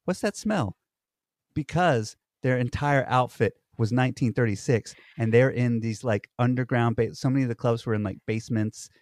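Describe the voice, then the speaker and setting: A man's voice: medium pitch, fairly even intonation, a little fast, few pauses, darkish tone, no echo, clean studio sound. A man co-hosting a podcast, telling stories in rambling casual chat full of fillers and restarts. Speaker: podcast co-host. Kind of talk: casual conversation.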